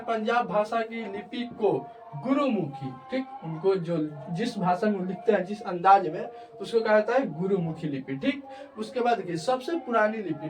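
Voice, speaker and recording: A young man teaching a grammar lesson online, often pausing to check that students follow. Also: high-pitched, distant mic. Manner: repeats checks of understanding.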